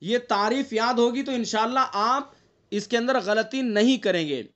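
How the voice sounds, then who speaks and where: A man's voice: very high-pitched, fairly bright tone, highs cut off. A man teaching an online Quran recitation class, explaining rules patiently, often checking with the students and sounding out the nasal examples himself.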